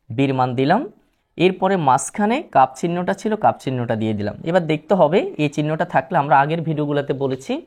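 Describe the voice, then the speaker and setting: A man's voice: on the high side, a little mellow. A male math teacher with a Bangladeshi Bengali accent, patiently explaining a lesson step by step and mixing in English terms. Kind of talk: classroom math lesson on video.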